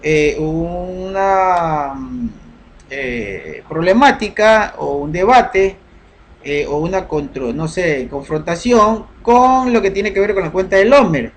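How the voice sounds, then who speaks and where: A man teaching a Bible study lesson over slides, pausing often with fillers and checking in with his listeners. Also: high-pitched, lively intonation. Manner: hesitant, many fillers, asks "¿no?" and "¿sí?" often.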